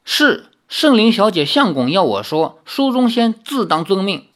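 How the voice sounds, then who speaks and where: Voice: mid-range voice, sing-song, normal speed, pitched above the performer's own voice, lightly acted. A reader voicing a pompous old scholar spirit. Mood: lecturing. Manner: pedantic, lecturing. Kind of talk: audiobook reading.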